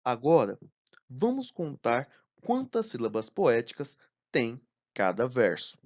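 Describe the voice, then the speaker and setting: Slow, deliberate male teacher. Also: mid-range voice, wildly swooping pitch, darkish tone, muffled recording. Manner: slow and deliberate, counting syllables aloud. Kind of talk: recorded lesson narration.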